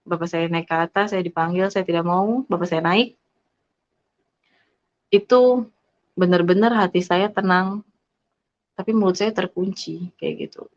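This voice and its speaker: A woman with a somewhat low voice gives a personal faith testimony. She talks earnestly and directly to her listeners, pausing on fillers and restarting her sentences. The recording sounds dull and lo-fi. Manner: earnest, addresses listeners as brothers and sisters; halting, with many fillers and self-corrections. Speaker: testimony speaker.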